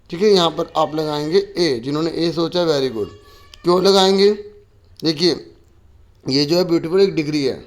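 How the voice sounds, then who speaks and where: Man teaching a worksheet, fairly high voice. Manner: patient, asks questions and answers them himself. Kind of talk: explaining a school worksheet.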